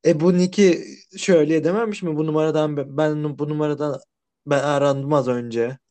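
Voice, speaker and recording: A man's voice: fairly high pitch, steady tone, a little fast, mellow. A man co-hosting a casual podcast, mostly reacting with short interjections and questions. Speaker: podcast co-host listening and reacting.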